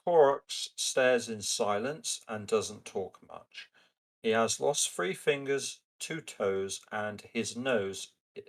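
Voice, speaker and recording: A man narrating a tabletop game as game master, in a halting, improvised way, often thinking aloud. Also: lowish voice.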